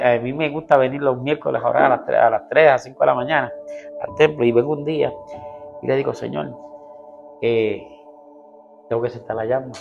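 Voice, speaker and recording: A man's voice: medium pitch, creaky, muffled recording. A man, a pastor, telling his personal testimony in an interview, earnestly, acting out what people said to him. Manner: earnest storytelling, acting out quoted dialogue.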